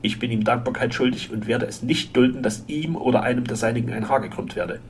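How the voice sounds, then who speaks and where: A man voicing a burly, blunt French henchman who speaks gruffly and issues menacing warnings in a storybook reading. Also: mid-range voice, fast, slight background noise, natural voice. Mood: stern.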